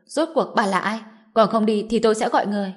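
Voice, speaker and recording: A woman's voice: medium pitch, fast talker, lightly acted. A woman voicing a brave young female nurse who speaks firmly and indignantly in a storybook. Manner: firm and indignant.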